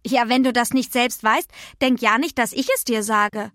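A woman voicing a bold, cheeky little girl who talks loud and lively. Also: on the high side, moderate pace, no room sound, clean studio sound, lightly acted.

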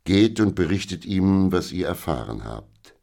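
A man's voice: low voice, very animated, measured pace, creaky, darkish tone, heavily acted. A man voicing a proud young knight who speaks curtly and dismissively, in a storybook reading. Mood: brooding. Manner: curt, dismissive. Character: proud young male knight, curt and irritable.

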